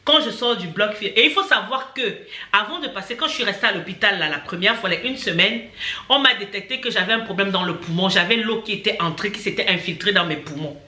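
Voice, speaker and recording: Animated woman in an echoey room. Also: medium pitch, brisk. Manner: animated, restarts often, invokes God. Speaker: vlogger telling her childbirth story. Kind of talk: personal testimony.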